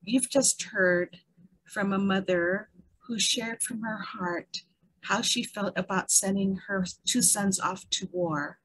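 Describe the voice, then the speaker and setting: A woman presents from a script over a video call. She speaks slowly and earnestly, setting out points one at a time. Her voice is slightly breathy and comes across close and dry. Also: mid-range voice, fairly bright tone, dry recording, poor audio. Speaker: meeting presenter.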